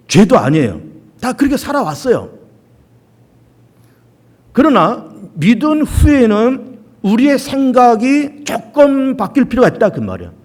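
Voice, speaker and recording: A man's voice: extremely high pitch, darkish tone. A male pastor preaching a sermon, stressing points by repeating them and asking rhetorical questions. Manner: emphatic repetition and rhetorical questions.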